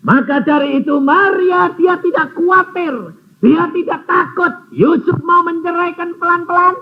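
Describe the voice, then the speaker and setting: A man preaching a storytelling sermon, acting out conversations with sudden high squeals and low murmurs. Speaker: evangelist preacher. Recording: muffled phone-like sound with faint noise.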